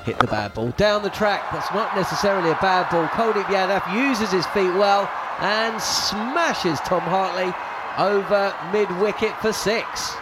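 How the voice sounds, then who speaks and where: A man's voice: high voice, a little slow, over loud music. A man giving live ball-by-ball cricket commentary on the radio. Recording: loud crowd and stadium noise.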